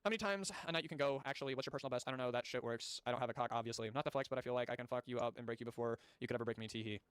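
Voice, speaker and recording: Fast-talking man reading with profane asides. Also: medium pitch, clean tone, dry recording. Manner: stumbling over words while reading. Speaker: streamer. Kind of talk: reading documents aloud with live commentary.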